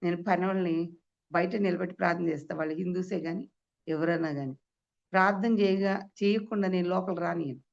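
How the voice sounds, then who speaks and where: Woman preaching to a ladies meeting, low gravelly voice, keeps firing questions, dull muffled recording. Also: brisk. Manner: emphatic, rhetorical questions, sudden high exclamations. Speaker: preacher at a women's fellowship meeting. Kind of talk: Easter sermon, personal testimony.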